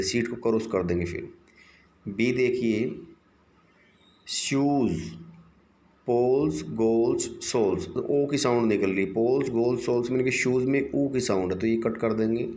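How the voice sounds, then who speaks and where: Slow-talking teacher man. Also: medium pitch, a little mellow, slight background noise. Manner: reads English lines slowly, then explains them in Hindi. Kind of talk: classroom exercise explanation.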